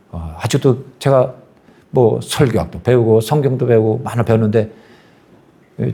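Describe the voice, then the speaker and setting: A man in his fifties preaching a sermon as pastor, often shouting and then dropping to quiet, conversational asides. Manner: swings from loud exhorting to low conversational asides.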